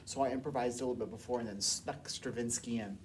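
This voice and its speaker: A woman teaching a movement class, telling a story in an expressive, animated way. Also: very deep voice, fast talker, slight background noise. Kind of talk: storytelling music lesson. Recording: distant mic, loud piano behind.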